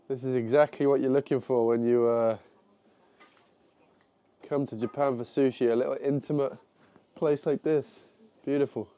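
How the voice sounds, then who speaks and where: A man speaks as a travel vlogger, chatting casually in short remarks. His voice is dark and mellow, at an average pitch. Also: fairly even intonation, unhurried, pauses often, highs cut off. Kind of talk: casual travel vlog commentary.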